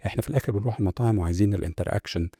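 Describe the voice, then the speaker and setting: A man with an Egyptian accent talks very fast in a low, gravelly voice with a husky edge. He hosts a motivational podcast and works through rhetorical questions, checking in with his listeners as he goes. The recording is dry and close. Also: warm tone, no echo. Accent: Egyptian Arabic. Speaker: podcast host. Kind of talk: motivational talk monologue.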